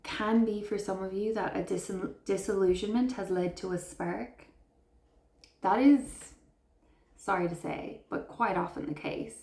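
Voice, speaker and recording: A woman's voice: medium pitch, fairly even intonation, measured pace, a little mellow, echoey room. A woman giving an intuitive tarot reading to her viewers, speaking in an earnest, affirming way and heaping praise on them. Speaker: tarot reader.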